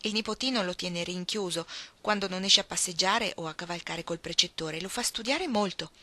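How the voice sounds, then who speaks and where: Young girl guest, gossipy and animated, read by a woman, bright tone. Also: on the low side, normal speed. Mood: chatty.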